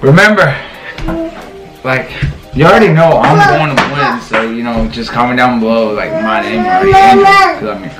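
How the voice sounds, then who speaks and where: A man's voice: medium pitch, wildly swooping pitch, normal speed. A man hosting a challenge vlog with casual, goading banter. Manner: cocky, goading. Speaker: host of an eating challenge video. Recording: echoey room with music.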